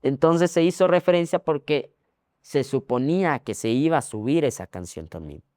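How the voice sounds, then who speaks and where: A young man from Ecuador with an Ecuadorian accent, telling his story as a guest in a casual interview, repeating phrases and filling pauses. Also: fairly high pitch, expressive, darkish tone, no room sound, clean studio sound. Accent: Ecuadorian Spanish. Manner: rambling, repeats phrases, frequent fillers.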